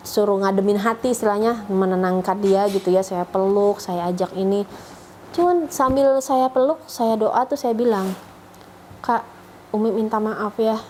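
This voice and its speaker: A middle-aged woman recounts her journey as a convert. She speaks in an emotional, chatty way that rambles and restarts often, at a middling pitch, over a faint hum of room ambience. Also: fairly even intonation, normal speed, darkish tone, poor audio. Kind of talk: emotional personal testimony.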